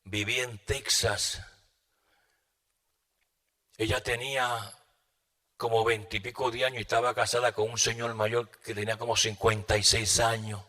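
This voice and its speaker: A man preaching a sermon, telling a testimony dramatically and moving between loud bursts and hushed asides. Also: medium pitch, little pitch movement, a little slow, long pauses.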